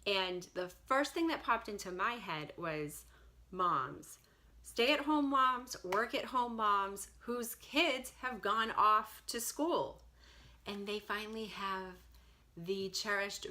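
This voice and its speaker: A woman in her thirties who works from home, chatting to camera in an animated, storytelling way. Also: mid-range voice, slow, slight background noise. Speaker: direct sales consultant. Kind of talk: casual talk to camera.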